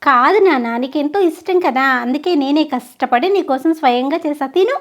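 A woman's voice: high-pitched, normal speed, natural voice. A woman voicing a selfish adult son who sweet-talks his father and snaps at him in anger. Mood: coaxing. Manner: sweet-talking, then snapping angrily.

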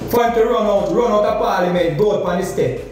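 In a kitchen or similar room, a middle-aged Jamaican man who vlogs about politics delivers a fast, insistent rant into a phone at arm's length, hammering points through repetition and rhetorical questions. His high voice sits a bit far from the mic amid strong echo, background noise and faint music.

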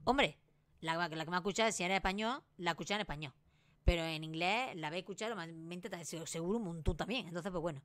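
A woman in her late twenties from Spain with a Granada Spanish accent, rambling excitedly in a casual vlog and restarting her sentences often. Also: on the low side, brisk. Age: late 20s. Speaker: YouTuber.

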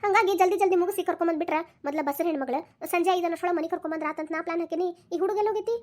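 A woman's voice: very high voice, rapid-fire, darkish tone. A woman voicing a fussy, take-charge older mother-in-law, in a Dharwad Kannada accent. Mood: fussing. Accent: North Karnataka (Dharwad) Kannada.

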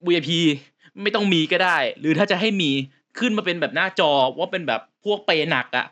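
A man's voice: high-pitched, a little fast, sharp tone. A man giving a casual spoken review on his channel, ranting with exasperated rhetorical questions in loose, slangy talk. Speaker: vlogger reviewing a series.

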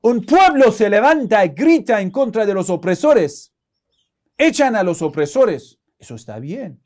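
A man's voice: high voice, very animated, a little slow, a little mellow. A man giving a religious lecture, preaching emphatically and rising sharply on key words, with Arabic verses recited in a chanting tone.

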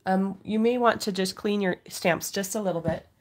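A medium-pitched, moderately paced voice comes from a middle-aged woman hosting a casual craft demo at home. Seated indoors at a craft table, she has a cold and coughs from time to time.

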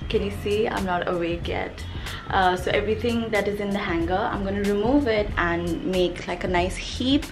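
A woman's voice: medium pitch, normal speed, over music. A young woman vlogging casually from her bedroom, groggy from just waking up and rambling with fillers. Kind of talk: casual chat. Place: bedroom at home.

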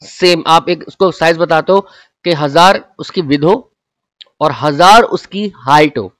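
A young man teaching a software tutorial in a casual, chatty way, often saying "okay" and a polite "sir" as fillers. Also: on the high side, unhurried, dry recording. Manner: chatty, repeats "ठीक है" and "जनाब" often. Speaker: Photoshop instructor. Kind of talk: casual tutorial with screen walkthrough.

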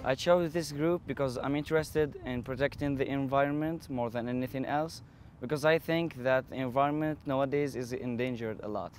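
A man's voice: mid-range voice, fairly quick, few pauses, a little hiss or hum. A teenage boy from Algeria, interviewed outdoors on a lawn, speaking earnestly and carefully. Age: teens. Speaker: student interviewee. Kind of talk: interview to camera.

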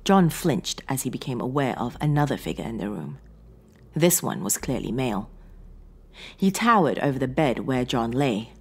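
A woman's voice: very deep voice, darkish tone, husky. A woman narrating a scripted horror story in a dramatic, suspenseful reading.

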